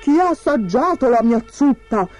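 Woman doing a booming papa bear. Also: mellow, faint music behind, natural voice. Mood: gruff. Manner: booming, slow. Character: big gruff father bear.

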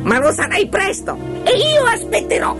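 A tiny, wicked dwarf man in a fairy tale , put on by a woman reading aloud, his voice pitched far up and squeaky, gloating and taunting with cackling glee. He swings wildly up and down in pitch. Soft music plays beneath the storybook reading. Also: big pitch swings, normal speed, heavily acted. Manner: gleeful, taunting, laughs often. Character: cackling mischievous little male dwarf. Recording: music playing behind.

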